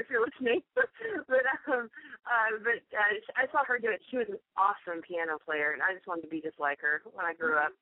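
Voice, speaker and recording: A woman from Tennessee, a singer and guest, chatting easily on the phone, laughing often and filling pauses with lots of ums. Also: medium pitch, dry recording. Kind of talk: phone interview chat. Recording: tinny phone line.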